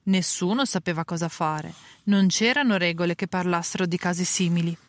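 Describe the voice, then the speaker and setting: A woman with a fairly low voice reading a children's picture book aloud. She takes a slow, clear storytelling pace and leans into the voices of the characters. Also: dry recording.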